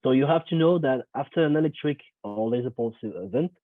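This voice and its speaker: A man's voice: medium pitch, animated, a little fast, dry recording. A young man with a cold presents a technical talk, stopping and restarting often with many ums. His voice comes from a screen recording of a video call. It sounds thin and phone-like, and the sound is completely dry. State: has a cold. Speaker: conference presenter.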